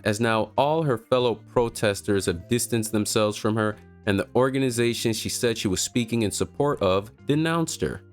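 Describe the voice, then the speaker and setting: Lowish man, sardonic commentary over music. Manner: mocking, sardonic. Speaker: commentary video host. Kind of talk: scripted sarcastic commentary narration.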